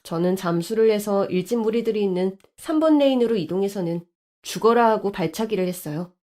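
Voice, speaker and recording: A woman narrating a scripted story in an expressive, lively way. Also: medium pitch, fairly quick.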